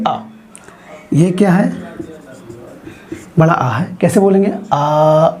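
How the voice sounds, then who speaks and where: A man teaching a grammar lesson, explaining slowly and asking his students frequent questions as he writes on a board. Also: high-pitched, warm tone. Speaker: Hindi teacher.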